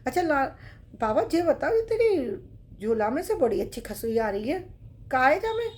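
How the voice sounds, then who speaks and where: A woman voicing the child Krishna as a small, playful herd boy, calling and coaxing in a high voice. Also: sing-song, normal speed. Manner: high, loud, coaxing calls.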